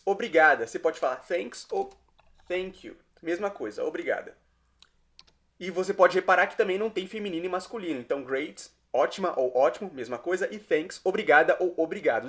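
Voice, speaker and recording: A man teaching an online language lesson, explaining phrases patiently and repeating them slowly word by word. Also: high voice. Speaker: English teacher.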